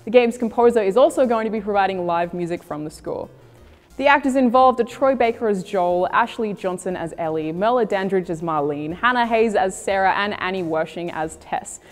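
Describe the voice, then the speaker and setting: A woman's voice: medium pitch, lively intonation, brisk. A woman reading scripted video game reviews and news as a presenter. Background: music.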